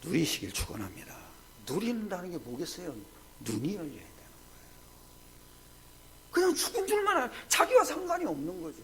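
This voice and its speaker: A male pastor delivering a sermon, firing off rhetorical questions and swinging from hushed, low asides to loud, shouted points. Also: wildly swooping pitch, fairly quick, long pauses, slight background noise. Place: church sanctuary.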